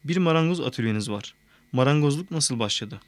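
Male reader voicing an earnest young woman student, polite and direct, mid-range pitch, dry close mic. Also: animated, a little fast, no echo, lightly acted. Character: young female psychology student, earnest assistant. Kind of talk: audiobook character reading.

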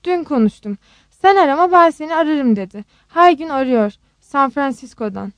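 A frantic, tearful mother shrieks high and loud in a dry, close audiobook voice, as a woman reads her. She scolds in a shrill voice that keeps breaking into sobs. Her pitch jumps all over the place. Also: expressive, moderate pace, no room sound. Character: panicked sobbing middle-aged mother.

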